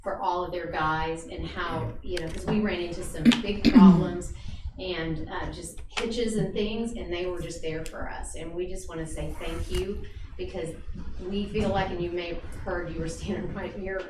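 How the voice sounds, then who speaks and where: A woman's voice: lowish voice, steady tone, normal speed. A woman giving chatty, effusive thanks in informal remarks at a public meeting. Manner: effusive, chatty, laughs between phrases. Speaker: resident thanking a city council. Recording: echoey room, distant mic, clear noise.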